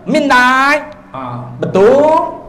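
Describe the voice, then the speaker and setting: A man with a Terengganu Malay accent giving an evening lecture as a religious teacher in a village prayer hall, telling stories with sudden swings between loud and soft. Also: extremely slow, slight background noise. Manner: lively storytelling with sudden swings in pitch and loudness.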